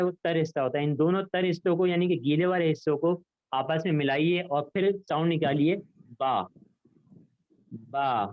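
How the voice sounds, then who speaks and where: A man teaching an online class, patiently explaining step by step and repeating sounds slowly over a video call. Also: a little high, background noise. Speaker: Quran recitation teacher. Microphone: computer mic on a video call. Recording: dull, dry video-call audio.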